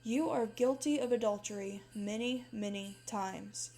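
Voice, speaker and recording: A woman's voice: unhurried, mellow. A woman reading aloud, voicing a menacing male holiday demon who pronounces judgment with malicious glee. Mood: gloating judgment. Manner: booming, gleefully malicious pronouncements. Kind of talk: horror story reading.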